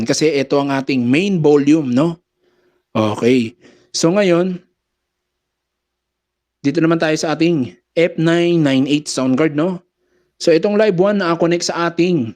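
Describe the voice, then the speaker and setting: A man gives a casual step-by-step tutorial on mixer settings from a small home studio, pausing to say mic-check phrases into a condenser microphone. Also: on the high side, darkish tone. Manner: explains step by step, says mic-check phrases between adjustments. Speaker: audio gear seller and tutorial host. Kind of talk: casual how-to demonstration. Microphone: condenser microphone through a mixer.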